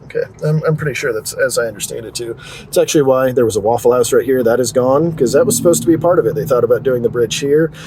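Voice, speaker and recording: A man guiding a driving tour from inside a car, talking in a loose, chatty way and poking fun at himself. Road noise hums clearly underneath, and his pitch sits mid-range. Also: fast, a little mellow. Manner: chatty, joking, self-deprecating asides. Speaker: real estate agent and tour guide. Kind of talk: casual driving tour narration.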